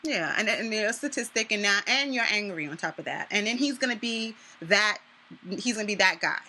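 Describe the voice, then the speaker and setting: A woman hosting a casual talk show, blunt and opinionated, speaking in an animated way. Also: medium pitch, fairly quick, a little hiss or hum. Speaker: podcast host. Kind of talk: casual chat.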